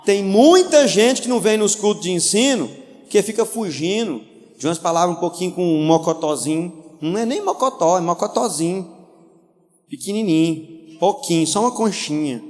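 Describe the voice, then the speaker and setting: Male pastor, lively sermon, swooping expressive pitch, long church-hall reverb. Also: normal speed. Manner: animated storytelling, acts out voices, laughs.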